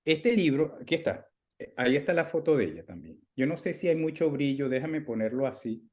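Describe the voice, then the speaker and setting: A man in his fifties with a Venezuelan accent, a guest author talking casually in an interview from home over a video call, animated and acting out remembered dialogue. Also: on the high side, a little fast.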